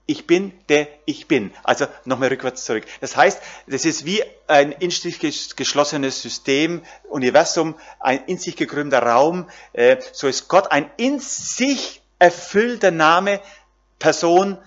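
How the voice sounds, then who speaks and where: A man preaching a sermon in a lively voice that rises and falls widely. He speaks straight to his listeners, full of fillers and little tag questions. The recording sounds dull and lo-fi. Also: on the high side, a little slow. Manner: talks directly to the congregation with many fillers and tag questions.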